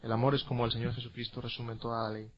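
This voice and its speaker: A man's voice: mid-range voice, flat delivery, quick pace, lo-fi sound. A man teaching a classroom lecture, emphatic, repeating key words and asking rhetorical questions.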